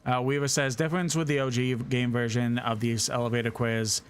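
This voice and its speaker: A man's voice: mid-range voice, little pitch movement, fairly quick, smooth. A man streaming a game live, chatting casually, swearing now and then and reading chat messages aloud.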